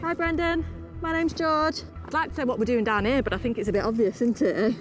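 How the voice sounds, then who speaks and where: A woman's voice: high-pitched, steady tone, fast, over music. A woman working as a paramedic, coaxing and reassuring a patient in informal talk. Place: outdoors at an accident scene.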